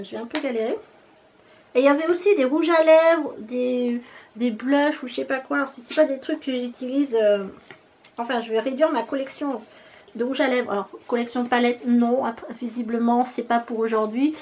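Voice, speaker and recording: A woman's voice: a little high, moderate pace, darkish tone, slight background noise. A woman chatting casually in a beauty haul vlog, rambling with hesitant fillers and laughing at herself. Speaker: beauty vlogger.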